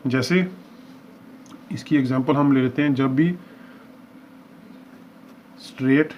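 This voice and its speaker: A man's voice: medium pitch, slow, darkish tone. A man teaching a shorthand lesson, explaining each step patiently and repeating examples as he works through them. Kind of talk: lesson walkthrough. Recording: dull lo-fi recording with faint hiss.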